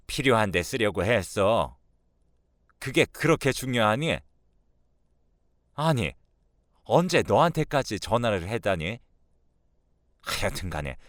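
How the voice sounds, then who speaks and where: A man's voice: on the low side, sing-song, takes it slowly, long pauses, a bit bright, no echo, clean studio sound, full character voice. A man voicing a hot-tempered, scheming older mother-in-law who snaps and scolds defensively in a radio drama.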